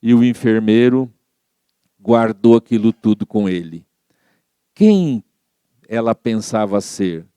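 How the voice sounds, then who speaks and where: A man's voice: lowish voice, animated, slow pace, long pauses, dark tone, clear, resonant tone, no echo, clean studio sound. A man giving a Spiritist talk as a storytelling sermon, repeating words for effect and acting out the quotes. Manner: repetitive storyteller, acts out quotes. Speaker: Spiritist lecturer.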